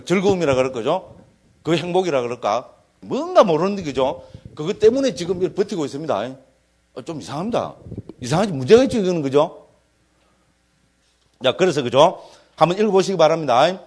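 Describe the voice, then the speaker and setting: Chatty Gyeongsang-accented monk lecturing. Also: male voice, on the high side, a little mellow. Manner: chatty, keeps asking listeners for agreement. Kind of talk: casual classroom lecture.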